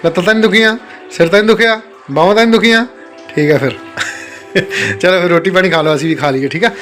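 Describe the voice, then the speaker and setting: High-voiced young father coaxing his kids. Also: fast, a bit bright, soft background music. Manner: coaxing, doting talk to his children, often checking "okay?". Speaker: father and family vlogger. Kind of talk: casual family vlog narration.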